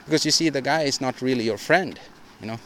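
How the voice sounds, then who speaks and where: A man hosting his own podcast, talking alone in a halting, rambling, opinionated way with many restarts and repeated words. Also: medium pitch, fairly bright tone, slight background noise. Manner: opinionated, ranting delivery. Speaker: podcast host. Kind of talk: solo podcast monologue.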